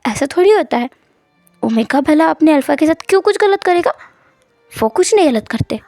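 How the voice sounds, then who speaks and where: A woman's voice: sits high, expressive, normal speed, dark tone, no echo, soft background music. A woman voicing a timid young male bride who stammers and hesitates as he speaks. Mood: shy.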